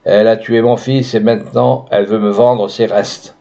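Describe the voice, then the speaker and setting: Man reading a firm, indignant old doctor father, mellow low voice, dull lo-fi audiobook sound. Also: level tone, moderate pace, gravelly. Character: grieving stern father, older doctor.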